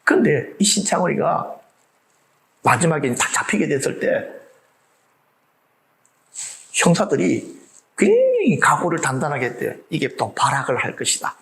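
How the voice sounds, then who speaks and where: A male pastor delivers a lively sermon, his voice pitched a little high and carrying a gravelly edge. He poses rhetorical questions to the congregation and slips into acted-out voices for the people in his story. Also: normal speed, long pauses, low-quality recording. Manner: animated preaching, acts out quoted voices, rhetorical questions.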